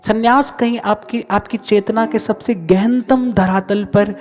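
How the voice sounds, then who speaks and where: A man giving a measured scripture discourse to a live audience as a spiritual teacher, explaining with emphatic stresses. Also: sits high, fairly even intonation, a little mellow. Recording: long hall reverb with faint music.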